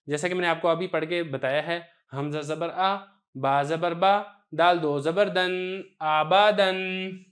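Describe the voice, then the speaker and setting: A man with a fairly high voice and a Pakistani Urdu accent gives a calm reading lesson. He explains each rule patiently, then recites letters and syllables slowly, stretching them out. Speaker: Quran reading teacher.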